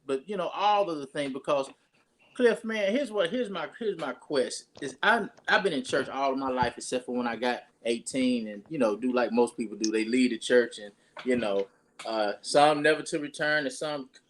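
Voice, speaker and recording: A man's voice: fairly high pitch, normal speed, slight background noise. A pastor, talking casually and rambling through his introduction of a guest with many restarts.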